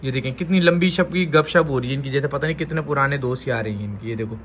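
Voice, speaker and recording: A man's voice: medium pitch, fast, a bit bright, a little hiss or hum. A man from Pakistan with a Karachi Urdu accent, a father lecturing and scolding his children in a casual family vlog. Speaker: vlogger and father.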